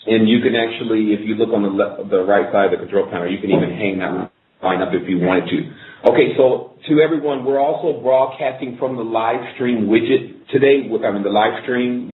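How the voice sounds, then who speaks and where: A low-voiced man hosts a live internet radio show from an office in a corporate building. He rambles loosely as he works through technical hitches. The sound is tinny like a phone line and echoes around the room. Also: brisk. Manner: loose, rambling, fixes technical issues on air.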